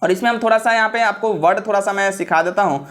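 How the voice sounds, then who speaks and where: A man's voice: sits high, fairly bright tone. A man teaching an old script, repeating himself and checking in with the listener often. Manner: repetitive, checks in with "ठीक है" often; slows down to spell out letters. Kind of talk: classroom-style script lesson.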